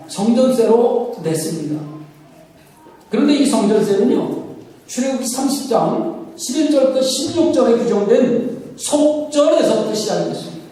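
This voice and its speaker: A man's voice: extremely high pitch, mellow. A male pastor preaching a sermon, explaining patiently and posing questions to the congregation that he then answers himself. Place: church sanctuary. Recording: echoey hall from a distant mic.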